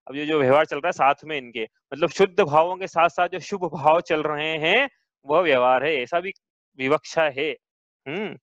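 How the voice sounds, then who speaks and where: A man with a slightly high voice teaches a scripture lesson, working through each point with rhetorical questions and restarting his sentences. The recording is dry and close, with a dull, muffled tone. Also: a bit bright, no echo. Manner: thinks aloud, asks rhetorical questions, frequent restarts.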